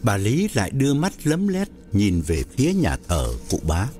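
A man narrating an audiobook story in a measured storytelling way. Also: wildly swooping pitch, dark tone, soft background music. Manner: measured storytelling with wide pitch swings.

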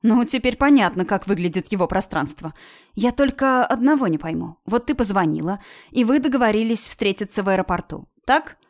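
A woman's voice: mid-range voice, lively intonation, brisk, natural voice. A woman reading an audiobook, voicing a bold young woman who talks with sarcasm and indignant emphasis. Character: bold, sharp-tongued young woman friend. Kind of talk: audiobook character voice.

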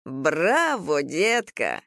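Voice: mid-range voice, sing-song, moderate pace, no room sound, clean studio sound, close to an everyday voice. A reader voicing a lazy, sneering young man who drawls his mockery. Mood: mocking. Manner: mocking, drawling.

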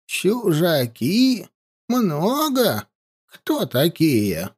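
A woman voicing a frightened old village witch in an audiobook, her voice quavering and her speech slow and fearful. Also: lowish voice, wildly swooping pitch, darkish tone, slightly rough, exaggerated voice. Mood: anxious. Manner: slow, breaking into frantic muttering. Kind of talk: audiobook character voice.

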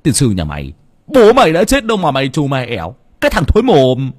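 A man voicing a burly, rough village laborer who curses loudly. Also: medium pitch, wildly swooping pitch, fast, no room sound, pitched above the performer's own voice. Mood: jeering. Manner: loud, cursing.

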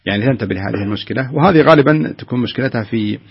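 A man's voice: mid-range voice, very fast, slightly rough, muffled recording. A man who teaches Quran recitation, patiently correcting callers and sounding out letters syllable by syllable.

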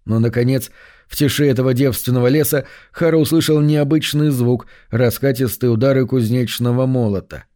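A man narrating a science fiction audiobook in an even, measured way. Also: medium pitch.

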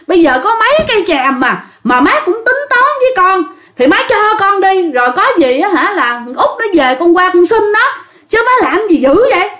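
A desperate middle-aged man in a spoken ghost story, voiced by a woman narrator. He pleads in a shrill, high-pitched, wildly swooping voice. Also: very animated, moderate pace, a bit bright, heavily acted. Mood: angry pleading. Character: frightened, angry middle-aged man threatening then begging his dead mother.

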